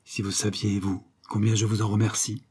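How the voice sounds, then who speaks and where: A man voicing a proud, grieving young man in an audiobook, speaking in a muted, low voice. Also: level tone, a little fast, a little mellow, slightly rough.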